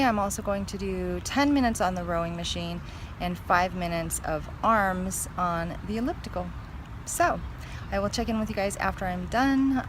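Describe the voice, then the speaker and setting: A woman giving a casual fitness vlog, talking straight to her viewers in an emphatic, step-by-step way. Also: medium pitch. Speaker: fitness vlogger. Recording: noisy, constant vehicle-like background hum.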